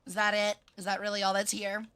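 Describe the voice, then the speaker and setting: A woman's voice: medium pitch, completely flat delivery, quick pace, noisy background. A woman livestreamer chatting to her viewers in a playful, cutesy anime-streamer manner.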